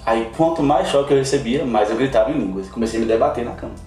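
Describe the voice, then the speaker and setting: A man's voice: medium pitch, fast, dark tone. Earnest man telling a testimony. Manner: earnest, emotional storytelling. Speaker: guest missionary. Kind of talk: personal testimony in a podcast interview. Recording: roomy, distant mic, faint music.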